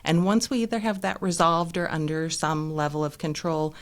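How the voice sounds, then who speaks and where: A woman's voice: sits low, normal speed. Articulate woman lawyer explaining her work. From Reno, Nevada. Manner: articulate, explanatory, listing things. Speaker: nonprofit executive director and lawyer. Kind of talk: interview guest.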